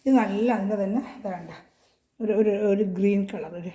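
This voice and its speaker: A woman from Kerala, an online clothing seller, chatting through a casual product showcase at home, speaking as loudly as she can and checking in with listeners again and again. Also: medium pitch, normal speed, echoey room. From Kerala, India. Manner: chatty, reassuring, repeats tag questions.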